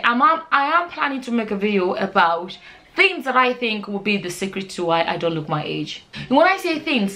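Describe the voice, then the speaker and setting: With a medium pitch, a fairly bright tone, and a little background hiss or hum, a Nigerian woman of forty talks casually on her vlog. As the channel host, she takes viewer questions and tends to repeat words and phrases to stress her points.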